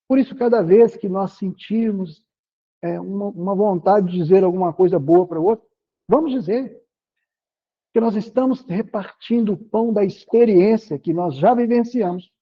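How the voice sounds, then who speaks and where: A man's voice: sits high, moderate pace, muffled recording. A man with a Brazilian Portuguese accent giving a spiritist lecture, preaching conversationally and acting out everyday dialogues.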